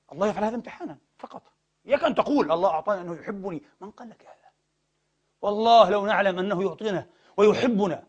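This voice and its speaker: Brief: male preacher, high voice, rapid-fire delivery, stresses points by repeating them. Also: breathy edge. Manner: emphatic, rhetorical questions, repeats words for stress. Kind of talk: sermon lecture to a congregation.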